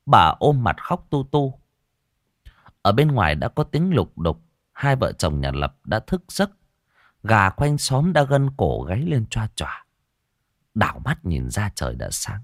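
A man's voice: lowish voice, no room sound, clean studio sound. A man narrating a scripted ghost story in a dramatic, suspenseful way.

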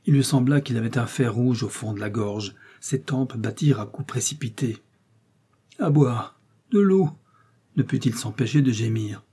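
A man reading an adventure novel aloud as narrator, in a measured, dramatic storytelling manner. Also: mid-range voice, steady tone, warm tone, slightly rough. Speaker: audiobook reader. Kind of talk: scripted narration.

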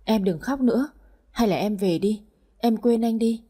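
A woman voicing a hesitant, weak-willed older husband caught between wife and mistress, with a husky voice. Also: fairly high pitch, unhurried, dark tone. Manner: hesitant, pleading.

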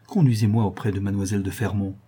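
A man's voice: on the low side, fairly even intonation, fast, warm tone, slightly rough. A man voicing an anxious, tearful young noblewoman in mourning.

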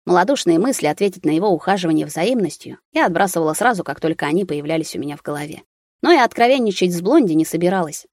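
A woman reading a first-person audiobook in an even, measured storytelling manner. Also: lowish voice, dry recording. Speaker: audiobook narrator.

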